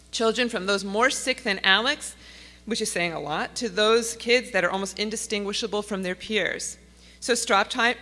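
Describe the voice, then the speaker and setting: Woman, middle-aged, conference speaker, earnest and pleading, forceful bright voice, reverberant hall. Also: mid-range voice. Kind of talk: speech to an audience.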